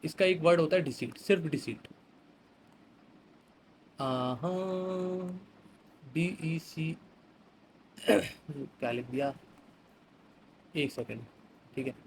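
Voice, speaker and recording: A man with a fairly high-pitched voice teaches an exam vocabulary lesson in a chatty style, reading out phrases, giving everyday examples, and mixing English words into Hindi. He speaks extremely slowly with frequent pauses, and the low-quality recording carries a slight hiss or hum.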